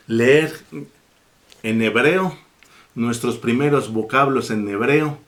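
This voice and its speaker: A man teaches a Bible Hebrew lesson at a deliberately slow pace. His voice sits at an ordinary middle pitch, and he repeats each word several times for his listeners. Between points he pauses to give thanks to God. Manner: repeats words slowly for the learner, blesses God between points. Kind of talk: slow, patient classroom lesson.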